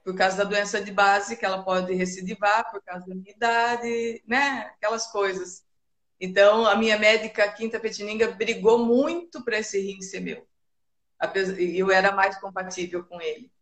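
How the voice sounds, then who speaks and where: A woman's voice: mid-range voice, fairly even intonation, moderate pace, a bit bright. Woman, guest, reflective, echoey room. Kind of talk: casual video-call conversation.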